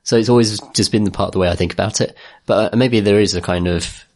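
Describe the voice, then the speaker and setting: A man co-hosting a casual chat, talking quickly with stumbling restarts and easy laughter. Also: on the low side, darkish tone. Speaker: podcast co-host.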